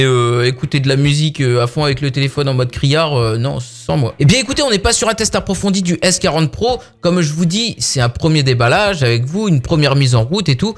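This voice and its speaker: A man casually reviewing a budget phone, talking in a chatty way full of fillers. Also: fairly high pitch. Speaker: tech reviewer.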